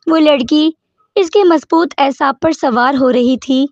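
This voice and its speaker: High-voiced woman narrating a novel. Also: darkish tone, no room sound, lo-fi sound. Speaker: audiobook narrator. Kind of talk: scripted romance novel narration.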